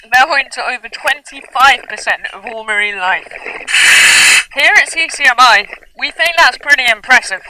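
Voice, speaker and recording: Woman, underwater host, full face dive mask voice, upbeat presenter, clicking noise on the mic. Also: high-pitched. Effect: speaking through a full face dive mask underwater. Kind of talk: scripted educational presenting. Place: underwater on a coral reef. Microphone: full face dive mask comms mic.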